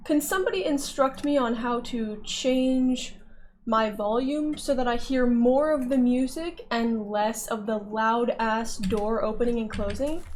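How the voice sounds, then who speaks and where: While gaming, a woman vlogger talks in a chatty, candid, self-mocking ramble. She has a fairly high but darkish voice and speaks at a measured pace. Slight background noise is audible.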